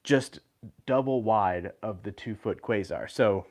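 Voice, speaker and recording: Hosting a live video in a lit indoor room, this man talks casually about his gear, with plenty of fillers and restarts. His voice is on the low side and darkish, and his pace is measured.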